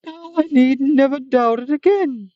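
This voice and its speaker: A reader voicing the Manticora, a fierce monster turned solemn and philosophical, in a high, loud, theatrical voice, on a dull, muffled recording. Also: measured pace, no echo. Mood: solemn, grand.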